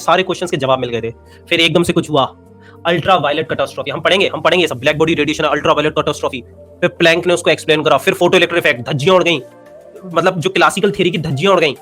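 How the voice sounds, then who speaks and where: Young Indian male teacher, quick and teasing, lecturing physics over faint music. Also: a little high, a bit bright. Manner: playful, teasing, mixes in English phrases. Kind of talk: animated classroom lecture.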